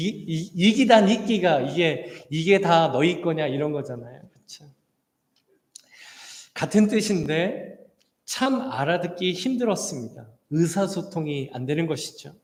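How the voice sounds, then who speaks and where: Male pastor, high-pitched, earnest sermon with touches of humor, roomy sanctuary sound. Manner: earnest preaching mixed with light joke-telling. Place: church sanctuary. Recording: echoey church hall.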